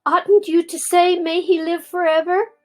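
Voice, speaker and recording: A woman's voice: high voice, very animated, takes it slowly, darkish tone, voice pushed up, heavily acted. Grandma doing an eager, timid young boy. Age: older. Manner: earnest, eager, a bit unsure.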